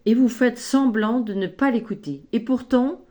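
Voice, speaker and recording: A woman giving a spoken tarot card reading, slow and gently encouraging, often adding little tags as she goes. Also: on the high side. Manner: slow, gentle, encouraging, frequent "hein" and "ici".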